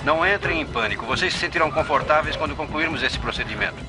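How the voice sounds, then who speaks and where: A man voicing an airline captain giving calm, clipped callouts over the cockpit radio in a dubbed documentary reenactment. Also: a little high, quick pace. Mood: tense. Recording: background music.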